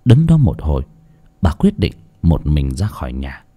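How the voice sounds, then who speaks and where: Mellow, highly expressive male storyteller. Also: normal speed. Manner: dramatic, expressive. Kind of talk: dramatic folk-tale narration.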